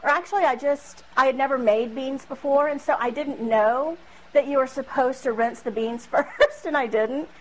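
A woman in her thirties gives a casual cooking demonstration in her small home kitchen, her high voice at normal speed picked up by a camera across the room. She's chatty and self-deprecating, with frequent fillers and laughs, and the poor audio carries a little hiss or hum.

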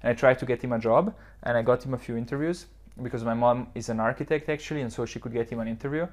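Speaking very fast in a mid-range voice, this twenty-something founder from southern Switzerland reflects on podcast questions with many fillers and restarts. He's recorded on a lapel mic inside a modern office lounge.

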